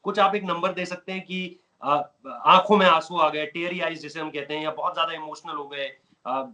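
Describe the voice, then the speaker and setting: A man's voice: a little high, fairly even intonation, moderate pace, bright, forceful tone. A male sports host asking long, winding questions with an eager, chatty manner. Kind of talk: interview questions.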